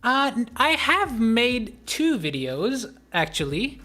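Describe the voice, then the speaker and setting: A man from Pakistan, chatting on a livestream in a hesitant, halting way with lots of fillers. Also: very high-pitched, very animated, pushed and bright, soft background music. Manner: hesitant, halting with many fillers and quick laughs. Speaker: streamer hosting a collab. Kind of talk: casual chat on a livestream. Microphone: podcast dynamic microphone.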